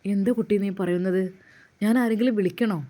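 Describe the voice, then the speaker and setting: A woman voicing a kindly young male cleric, lowered voice. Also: steady tone, brisk, natural voice. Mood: concerned. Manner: soft, concerned questioning.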